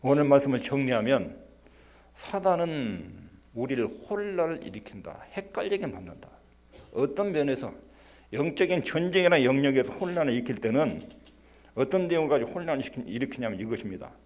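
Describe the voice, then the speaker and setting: A male pastor giving a Sunday sermon in earnest. He acts out prayers in a quieter voice and leans hard on key words. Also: mid-range voice, big pitch swings, a little fast. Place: church sanctuary.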